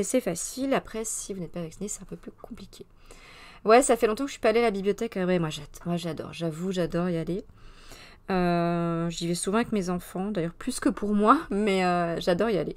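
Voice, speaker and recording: A woman's voice: medium pitch, a little mellow. A woman hosting a casual live culture show, chatting and answering viewer comments, with frequent fillers and moments where she drops to a whisper. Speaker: mother of young children.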